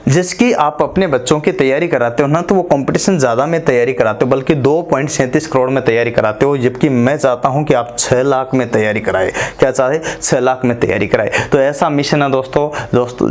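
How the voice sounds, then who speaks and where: A man with a fairly high voice speaks informally, hammering home his advice through long repeated lists. He throws rhetorical questions at his listeners, answers them himself and keeps calling them his friends. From Rajasthan, India. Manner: repetitive, list-like, addresses listeners as friends. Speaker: community speaker giving career advice. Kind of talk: informal advice talk to camera.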